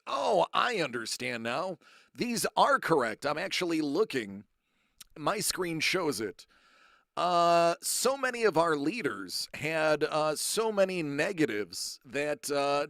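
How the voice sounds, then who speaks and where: A man's voice: on the high side, gravelly, fairly bright tone, no echo, studio quality. A man hosting a live-streamed trivia game show, reading questions and chatting with viewers in the chat, stretching out his dramatic answer reveals. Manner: playful, drawn-out dramatic reveals.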